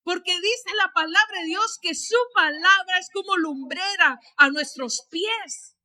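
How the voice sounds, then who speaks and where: High bright animated woman preacher. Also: measured pace. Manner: animated preaching, rising to shouts and dropping to soft asides; frequent tag questions to the congregation. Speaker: pastor. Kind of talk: sermon. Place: church.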